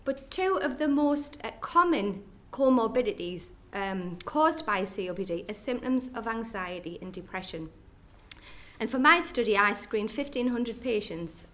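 A woman's voice: medium pitch, a bit bright. Chatty Geordie woman giving a talk. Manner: chatty, jokey asides to the audience. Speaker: nurse consultant. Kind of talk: conference presentation. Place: lecture hall at an education day.

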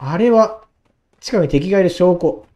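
A woman in her twenties giving casual gameplay commentary, excitable and talking to herself, repeating words in quick bursts. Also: lowish voice. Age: 20s. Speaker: gaming YouTuber.

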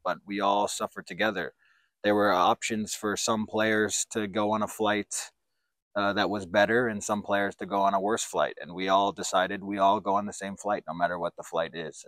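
A man in his thirties speaks in a low voice, measured and reflective as he answers interview questions. He holds a handheld mic outdoors, and the sound is close and dry with no room echo. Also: fairly bright tone. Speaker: professional footballer interviewee. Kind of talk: sit-down interview. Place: outdoors by sports courts. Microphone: handheld branded mic.

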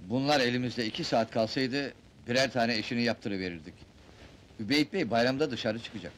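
An actor playing a calm, plotting accomplice. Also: male voice, a little fast, a little hiss or hum, close to an everyday voice. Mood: conspiratorial. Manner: low-key, plotting. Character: scheming male accomplice, calm.

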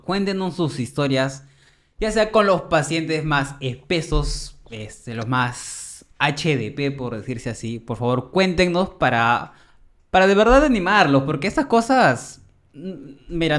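Joven peruano invitando a los oyentes. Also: male voice, on the high side. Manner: chatty, backchanneling, addresses listeners directly. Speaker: podcast co-host. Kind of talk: casual chat.

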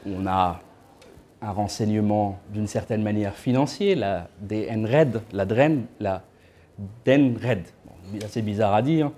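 Seated indoors and filmed from afar, a guest speaker in his thirties gives a lecture to a small audience, keeping it conversational with joking asides to the crowd. His voice is on the low side, slow, and warm.

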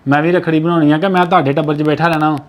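A man's voice: fairly high pitch, fairly even intonation, racing. A man acting as a sulking, demanding brother-in-law in a family short film. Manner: sulky, sharp and demanding.

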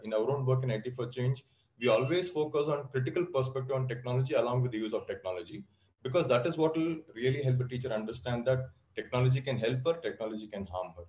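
A middle-aged man gives panel remarks over a video call, speaking in a measured, deliberate way with pauses between phrases. His voice sits at an ordinary middle pitch. The room around him sounds echoey. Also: darkish tone. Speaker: panelist on education technology.

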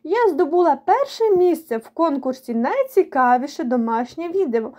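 A bold young girl from a children's storybook, as a woman puts her on. The voice is high and mellow, and she speaks in an eager, lively, storytelling way. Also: normal speed.

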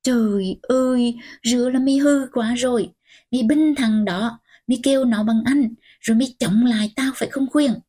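A woman voicing a stern, old-fashioned grandmother, scolding in a slow, husky voice. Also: mid-range voice. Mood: furious. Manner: scolding, sharp and commanding.

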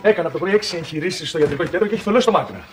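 An actor playing a pompous, theatrical doctor in a TV comedy series. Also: male voice, fairly high pitch, animated, a loud crowd, lightly acted. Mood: boastful. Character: pompous quack doctor, middle-aged man. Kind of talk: TV sitcom acting.

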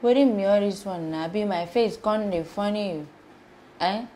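A woman's voice: medium pitch, normal speed, dark tone, slight background noise, lightly acted. An actress playing a sassy young woman who works in a shop, teasing in Nigerian Pidgin. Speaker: shop worker. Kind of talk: Nollywood film acting.

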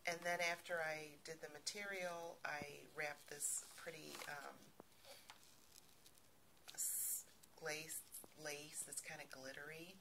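A middle-aged woman talks through her handmade project in a loose, rambling way, full of ums and restarts. Her voice sits low with a gravelly edge. It is recorded on a handheld phone video, with a faint hiss behind it. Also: flat delivery, slow pace, pauses often. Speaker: crafting vlogger. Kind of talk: casual show-and-tell.

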